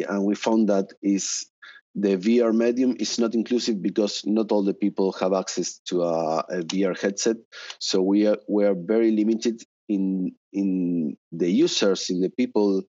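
A man's voice: on the low side, warm tone, dry recording. A man in his thirties from Argentina, speaking English with an Argentine Spanish accent as a panelist, hesitant with many fillers and restarts, on a headset over a video call. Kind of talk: conference panel talk. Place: home room, indoors. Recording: dull video call audio.

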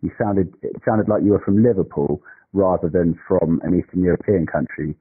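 A man calling in on a phone line, measured and lecturing, turning abusive. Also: low-pitched, slightly rough. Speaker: caller. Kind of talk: phone call.

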